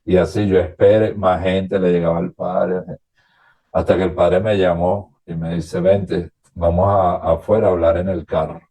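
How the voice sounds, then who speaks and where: A priest from Venezuela, a man, telling his own story as a radio interview guest, recounting past conversations in a halting, reflective way. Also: sits low, little pitch movement, warm tone.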